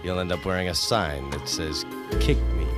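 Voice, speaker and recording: A 1940s noir private eye played by a man in a TV spoof. The voice is low, with a Mid-Atlantic accent and a deadpan, hard-boiled delivery. Loud music plays underneath. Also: moderate pace, close to an everyday voice. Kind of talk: noir detective narration. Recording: TV soundtrack with loud music behind.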